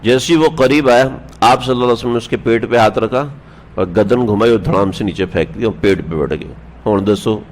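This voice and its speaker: A male religious scholar giving a sermon, telling stories with rhetorical questions to his listeners and chuckling now and then. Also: fairly low pitch. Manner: chuckles while telling anecdotes. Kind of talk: Urdu sermon on the Prophet's life. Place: standing on a prayer mat, indoors.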